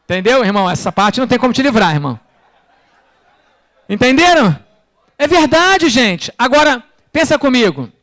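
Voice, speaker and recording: High-pitched Brazilian pastor preaching. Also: male voice, normal speed, pauses often, dry recording, studio quality. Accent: Brazilian Portuguese. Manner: animated preaching, rhetorical questions to the congregation; swings between loud bursts and quiet low asides. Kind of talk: sermon. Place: church.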